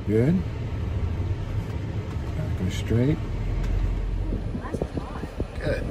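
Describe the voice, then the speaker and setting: A man's voice: medium pitch, animated, extremely slow, heavy background noise. A man acting as a driving instructor, giving hands-on lessons in short, repeated directions inside a vehicle. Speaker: driving instructor, teaching a learner. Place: inside a parked or slowly moving van.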